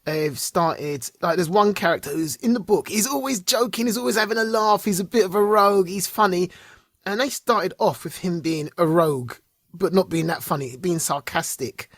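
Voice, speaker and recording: This podcast co-host has a high voice and talks at a normal speed as he casually reviews TV shows, laughing frequently and leaving sentences unfinished. The recording is dry and of studio quality.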